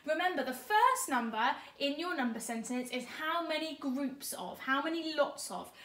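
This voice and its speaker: A primary teacher with a high voice and lively intonation gives young children a maths lesson, encouragingly guiding a child to count aloud step by step and speaking to pupils directly. She talks at a moderate pace in a fairly bright tone, with a roomy sound.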